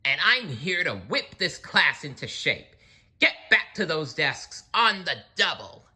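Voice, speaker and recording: A storybook reader voicing a menacing, bossy woman teacher with a scratchy, witchy voice and a commanding, drawn-out delivery. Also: medium pitch, sing-song, sharp tone, breathy edge, voice pushed up, full character voice.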